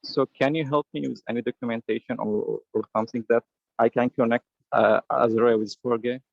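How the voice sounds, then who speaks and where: Guy on a choppy call that breaks up, gravelly voice, muffled lo-fi sound, lots of uh's. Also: medium pitch, fairly even intonation, no echo. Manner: hesitant, halting, with many "uh"s. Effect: online call audio breaking up. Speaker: meeting participant asking a question. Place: noisy place on an online call.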